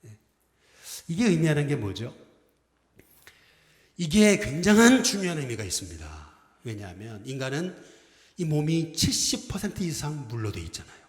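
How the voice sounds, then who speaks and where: Lively male pastor in echoey church. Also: a little high, moderate pace, pauses often. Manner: leads congregation in call-and-response greetings; lively, acts out quoted phrases. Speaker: senior pastor. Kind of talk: Sunday sermon. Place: church sanctuary. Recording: echoey church hall with long reverb.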